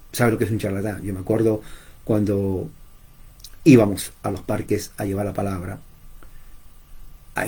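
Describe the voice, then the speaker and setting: A man's voice: on the low side, a little mellow, husky. A man preaching informally to camera, emphatic, repeating his points and addressing listeners directly.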